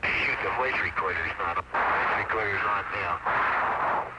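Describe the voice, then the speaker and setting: A man's voice: low voice, measured pace. Man on crackly space radio. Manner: clipped, matter-of-fact radio callouts. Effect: crackly space-to-ground radio transmission. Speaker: astronaut. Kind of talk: live mission radio chatter. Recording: noisy archival spacecraft radio.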